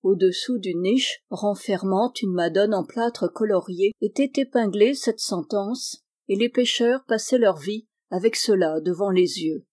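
A woman reading a novel aloud as a measured, expressive audiobook narration. Her tone is mellow and warm, at a middle pitch. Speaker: audiobook reader.

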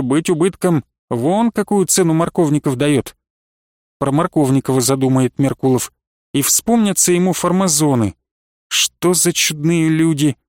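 A man reads a classic novel aloud in a measured, expressive way, his voice sitting a bit higher than most men's. The sound is dry and close, with no room around it. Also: no echo. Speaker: audiobook narrator. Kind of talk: scripted narration of a classic novel.

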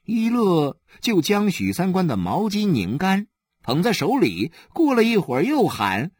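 A man narrating a novel aloud in an animated storytelling manner. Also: high voice, unhurried, slightly rough, no echo, studio quality. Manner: animated storytelling, many voices. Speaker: audiobook narrator. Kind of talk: expressive literary narration.

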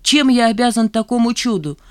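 A woman's voice: a little high, lively intonation, a little fast, dry recording, clean studio sound, voice pushed up, close to an everyday voice. Woman reading as mild young man Remizov. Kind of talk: audiobook reading.

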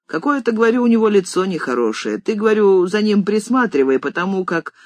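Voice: mid-range voice, big pitch swings, fairly quick, no echo, voice pushed up, lightly acted. Reader putting on a meek, sullen old-time housemaid. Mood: chatty. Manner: meek and deferential, chatty with folksy repetitions. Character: middle-aged maid, humble but sullen and talkative.

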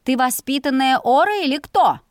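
Woman doing a high, loud, bossy storybook mother, dry and close. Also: animated, moderate pace, dry recording. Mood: scolding. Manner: commanding, scolding, raised voice. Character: stern loud mother pushing her children to marry.

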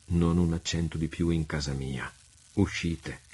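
A man's voice: a bass voice, steady tone, unhurried, darkish tone, husky, exaggerated voice. A man voicing a stern naval captain who speaks coldly and with contempt. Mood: contemptuous. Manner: cold, contemptuous. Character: stern cold naval captain lord, disdainful.

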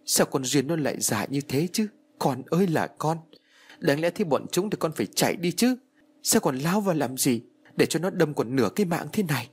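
A man's voice: on the high side, lively intonation, moderate pace, husky, voice pushed up. A man voicing a distraught old mother who wails and pleads over her injured daughter. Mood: grieving. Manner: wailing, pleading.

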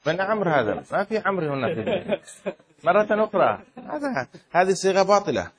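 A man's voice: high voice, big pitch swings, quick pace, a crowd in the background. A male sheikh teaching a class of students, often quizzing them and stretching key words for emphasis. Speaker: sheikh teaching Shafi'i law. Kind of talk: interactive classroom lesson.

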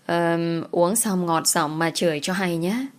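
A flustered female secretary coaxes and soothes slowly, hesitating between her words, in a storybook romance, as a woman narrator plays her. She sounds eager to calm everyone down. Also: lowish voice, natural voice. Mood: soothing.

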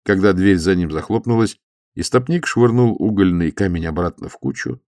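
A man narrating an audiobook in a measured, even storytelling manner. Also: deep voice, no echo.

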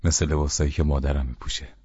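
A man voicing a friendly, easygoing young caregiver in an audiobook, approving and relaxed. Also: very deep voice, slightly rough, no echo, muffled recording, heavily acted. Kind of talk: audiobook character reading.

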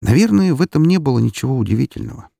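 A man reading an adventure audiobook as narrator, with expressive storytelling delivery. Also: medium pitch, very fast, gravelly, no room sound, clean studio sound.

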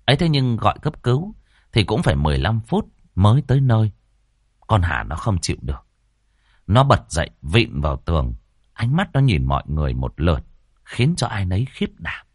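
Husky male ghost-story narrator. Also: low voice, big pitch swings, normal speed, a little mellow, no room sound, clean studio sound. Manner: dramatic, swooping delivery.

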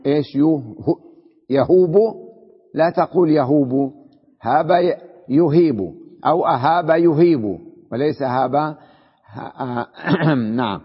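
Slow-drawling male grammar teacher in a hall. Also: on the high side, breathy edge. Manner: explains step by step, asks the class questions and answers them; drawls words out slowly to spell out their forms. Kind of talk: classroom lesson. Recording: muffled recording with long hall reverb.

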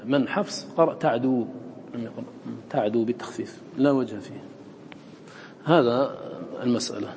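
A man teaching Quran recitation to students. He chants the recited words slowly between quicker explanations and checks in with short questions. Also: medium pitch, a little mellow, long reverb tail, a little hiss or hum.

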